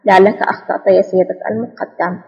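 A woman's voice: mid-range voice, flat delivery, quick pace, creaky, mellow, husky, long reverb tail, lo-fi sound. A woman reading the lines of an anxious young female agent in an audiobook. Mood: uneasy. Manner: questioning and uneasy. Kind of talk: audiobook spy novel reading.

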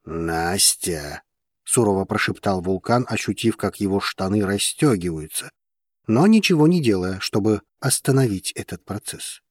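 Guy reading an audiobook, lowish voice, even pace, dry close sound. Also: normal speed, breathy edge, no room sound. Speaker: narrator. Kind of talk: audiobook narration.

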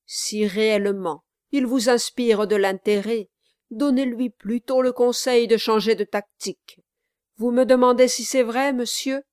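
A woman's voice: a little high, unhurried, darkish tone, no room sound, clean studio sound, lightly acted. A woman doing a sly oily lawyer. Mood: indignant denial. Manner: unctuous, mock-sorrowful, sneering. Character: scheming smooth-talking male lawyer, oily and sly.

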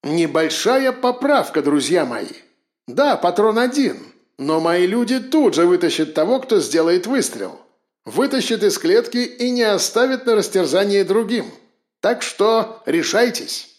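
A man voicing a smug, sadistic male professor who speaks softly, slowly and venomously. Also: fairly high pitch, very animated, husky, no echo, clean studio sound, full character voice. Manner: soft, slow and venomous.

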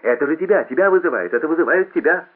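Man voicing an excited shouting colleague, high, loud, phone-like sound. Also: rapid-fire. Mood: urgent. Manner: shouting, urgent. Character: excited male colleague shouting across a table. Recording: lo-fi phone-like audio.

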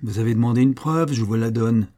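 A man voicing a sly, cheerful young male boatman who talks boldly and lively in a storybook reading. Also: mid-range voice, brisk, close to an everyday voice.

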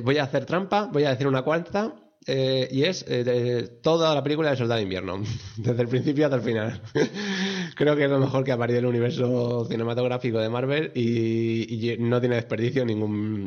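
A man tells his story in an animated way. He laughs often and swears freely in a casual voice message. The sound is dull and lo-fi. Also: medium pitch, creaky. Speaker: listener sending an audio message. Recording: dull lo-fi audio.

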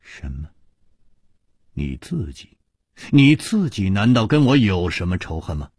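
A man voicing a calm, shrewd male hero who speaks in a measured, sighing way. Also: fairly low pitch, slightly rough, dry recording, studio quality. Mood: puzzled.

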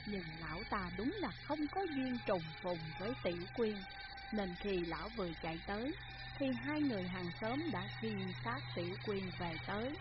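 Expressive woman storyteller. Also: medium pitch. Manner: expressive, dramatic. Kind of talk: dramatic folk tale narration. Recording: slightly muffled with faint hiss.

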